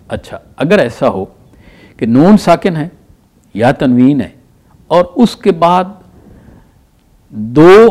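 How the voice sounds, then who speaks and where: A man teaches a tajweed lesson, explaining patiently and reciting examples slowly with stress. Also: medium pitch, a little mellow.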